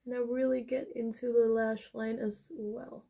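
Speaking unhurriedly in a level tone, a young woman who learned Dutch first rambles casually through a makeup tutorial with many fillers. Her voice is on the high side, creaky and mellow. She's a beauty vlogger filming indoors in a small bedroom.

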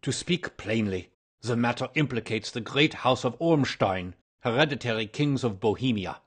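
A man's voice: medium pitch, expressive, normal speed, husky. A man voicing a proud Bohemian king in a storybook, speaking in a formal, pompous and emphatic manner. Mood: grave, formal. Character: proud, agitated, aristocratic Bohemian king in disguise.

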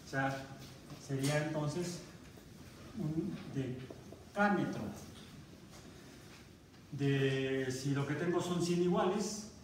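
Mexican teacher in an echoey classroom. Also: male voice, a little high, very slow, long pauses. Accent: Mexican Spanish. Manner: asks the class questions, restarts words. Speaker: university math teacher. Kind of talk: classroom lecture. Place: university classroom. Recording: very echoey classroom recorded from far off, noisy.

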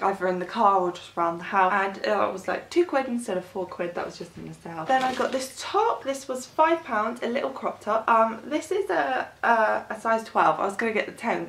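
A woman's voice: medium pitch, a bit bright. A British woman in her twenties chatting casually through a shopping haul as a vlogger, with a tired voice that is starting to give out. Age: 20s. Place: bedroom, indoors. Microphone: camera a short distance away. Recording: roomy echo, faint background noise.

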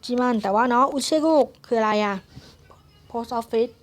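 Young female language tutor, slightly high voice, patient and polite, slow step-by-step delivery. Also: steady tone. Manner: slow, syllable-by-syllable explanation with frequent polite particles. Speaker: Korean language teacher. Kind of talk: spoken grammar lesson.

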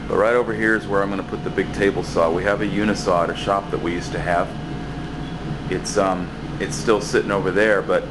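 A low, steady voice narrates this loose tour of a cluttered basement workshop, where the man handles building maintenance. He talks briskly into a handheld camera from off screen, with plenty of fillers and restarts. Background noise is audible.

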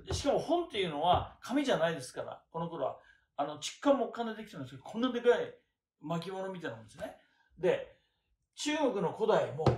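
An older man giving a chatty lecture on classical texts, asking rhetorical questions and pausing with fillers. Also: sits high, darkish tone. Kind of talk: casual lecture. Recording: roomy echo.

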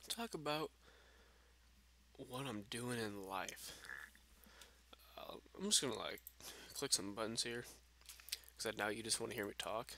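A man's voice: medium pitch, animated, a little slow, creaky, long pauses, pushed and bright, slight background noise. A drunk young man rambling casually and swearing through a gaming vlog, recorded on a substitute microphone. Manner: profane, aimless rambling. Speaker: gaming vlogger. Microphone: makeshift substitute microphone, screen-capture voice-over.

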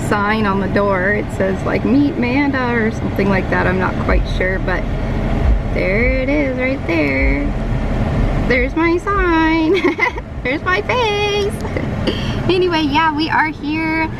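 Chatty young woman vlogging, gushy and excited, kinda high voice. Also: background noise. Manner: bubbly, chatty, gushing. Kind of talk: casual vlog chat.

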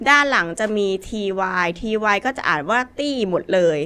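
A woman's voice: mid-range voice, lively intonation, a little fast, bright, forceful tone, clean tone. A woman with a Thai accent teaching a basic English lesson, spelling words out letter by letter in a patient way.

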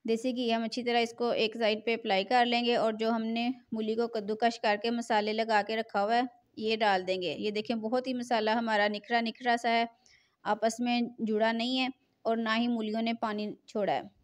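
A woman's voice: fairly high pitch, flat delivery, moderate pace. A middle-aged woman, hosting a home cooking tutorial in a chatty, repetitive voice-over. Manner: chatty, repeats filler phrase "jo hai na". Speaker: cooking channel host.

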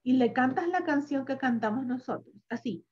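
A woman reading a picture book aloud to young children in a slow, sing-song, animated way, adding sound effects and asking the child questions. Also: high-pitched, muffled recording. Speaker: children's story reader.

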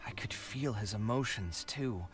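A man voicing a proud, expressive young male character in a video game, talking emphatically. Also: on the low side, a little slow, over music, lightly acted. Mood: troubled. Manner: emphatic, dramatic, lively.

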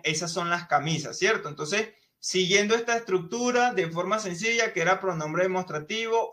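A man's voice: high voice, fairly bright tone. A man teaching a live online English class in Spanish, explaining step by step and often checking in with questions.

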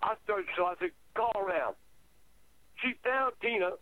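A man's voice: high voice, brisk, no room sound. An older man telling an angry family story on a radio show, swearing often and stumbling over repeated words. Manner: profane, ranting, repetitive stammering. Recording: tinny phone line, dry.

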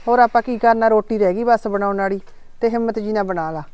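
A woman's voice: mid-range voice, steady tone, quick pace, darkish tone, clear, resonant tone, dry recording, muffled recording, close to an everyday voice. A woman playing a worried middle-aged mother who frets and scolds in homely village talk. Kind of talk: village family drama acting.

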